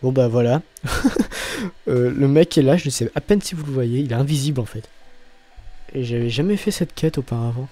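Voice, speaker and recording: A man's voice: medium pitch, fairly quick, dark tone. A young man giving casual, rambling commentary as he plays a video game, often swearing and cutting himself off. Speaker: gaming channel host. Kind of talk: casual let's-play commentary.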